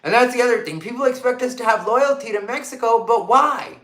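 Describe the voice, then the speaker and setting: A woman from Arizona hosts a casual livestream, reading comments aloud and firing off emphatic rhetorical questions packed with fillers. Her voice is a little high and fairly bright, she talks fairly quickly, and the room sounds echoey.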